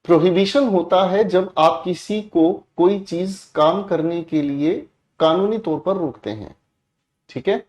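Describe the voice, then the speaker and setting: A male English teacher giving an online class, repeating points and checking often with his students, his delivery swinging between loud emphasis and soft low lines. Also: a little slow. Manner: repetitive, addresses students directly, asks check questions.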